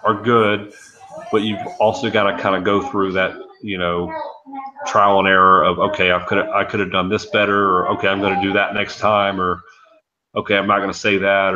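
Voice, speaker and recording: A man's voice: deep voice, level tone, normal speed, a crowd in the background. A man hosting a casual video-call panel, talking in an easygoing, encouraging way with lots of fillers. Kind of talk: casual chat. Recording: dull lo-fi video call audio.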